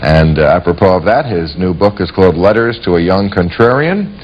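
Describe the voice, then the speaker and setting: A man hosting a comic talk show, making wry jokes and quick asides to his panel. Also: deep voice, animated. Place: TV studio with live audience. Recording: dull lo-fi broadcast with faint audience and hiss.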